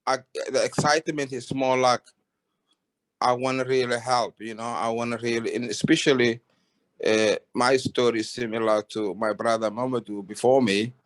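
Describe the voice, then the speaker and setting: A man from Somalia giving a halting personal testimony on a video call, with many restarts and fillers. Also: mid-range voice, fairly even intonation. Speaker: webinar participant. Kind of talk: casual testimony.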